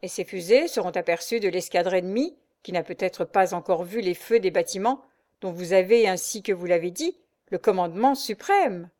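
A woman voicing a calm, polite young male nobleman who answers evenly and courteously in a read-aloud story. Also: fairly low pitch, normal speed, natural voice. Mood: composed.

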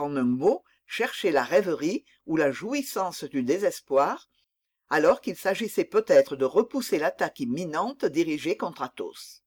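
A narrator giving a steady, expressive scripted reading of a classic novel. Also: medium pitch, breathy edge.

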